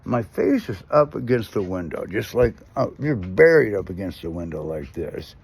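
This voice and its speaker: A man spins a rambling comic story, his voice gravelly and a little husky. He stumbles through fillers and restarts, then leaps into loud, high-pitched outbursts when he quotes himself. His pitch moves about a lot. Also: animated, normal speed.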